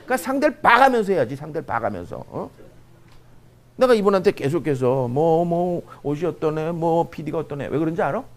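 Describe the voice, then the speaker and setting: A man's voice: a little high, normal speed. A middle-aged man giving a humorous lecture to a live audience, joking and tossing out rhetorical questions. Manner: joking, animated, peppers talk with rhetorical questions.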